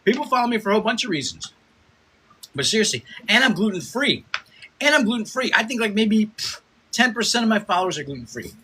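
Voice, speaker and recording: Speaking fast in a high, sing-song, bright and forceful voice, this man in his fifties streams live about food from home in Chicago via phone. He rambles, repeats himself and curses while going through comments, with slight background noise.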